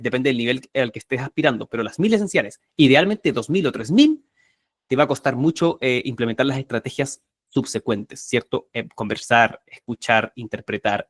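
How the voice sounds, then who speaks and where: Male instructor, live online class, energetic and emphatic, dry close sound, mid-pitched voice. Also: no room sound. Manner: energetic, emphatic, repeats key words. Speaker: memory workshop instructor.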